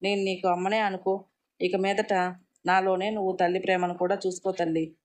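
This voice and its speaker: A woman's voice: medium pitch, flat delivery, a little fast, natural voice. A woman voicing an affectionate middle-aged mother-in-law in a storybook reading, soothing and motherly.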